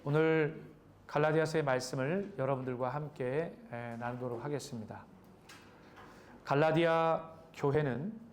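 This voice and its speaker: A man's voice: mid-range voice, a little hiss or hum. A male pastor preaching a sermon in a conversational way, asking the congregation questions. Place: church sanctuary.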